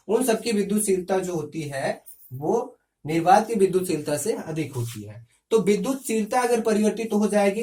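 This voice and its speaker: A man teaching a physics lesson step by step, often pausing to check in with his students. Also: sits high, darkish tone, distant mic. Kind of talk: classroom lecture.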